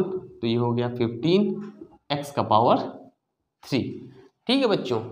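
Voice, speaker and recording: A man teaching a maths lesson to children, explaining step by step and asking questions that he answers himself. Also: a little high. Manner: explains step by step, checking with "ठीक है बच्चों"; asks the class questions and answers them himself.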